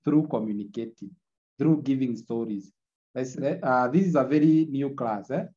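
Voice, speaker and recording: The sound is lo-fi, coming from a screen recording of a video call in which a man teaches an online class. He has a warm, medium-pitched voice at normal speed, and as a lecturer he repeats his points and checks in with "eh?".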